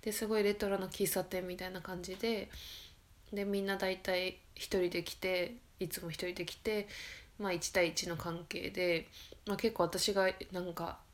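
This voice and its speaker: A woman hosting her own talk podcast, chatting casually late at night in a quiet, low-energy voice that keeps slipping into a whisper, rambling and correcting herself as she goes. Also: little pitch movement, normal speed. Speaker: radio podcast host.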